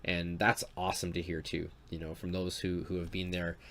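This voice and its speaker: Stuffy, gravelly deep-voiced man. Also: monotone, a bit bright, a little hiss or hum. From Ontario, Canada. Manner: hesitant, halting, earnest. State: stuffy from a cold. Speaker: dungeon master and video maker. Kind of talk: casual talk to camera.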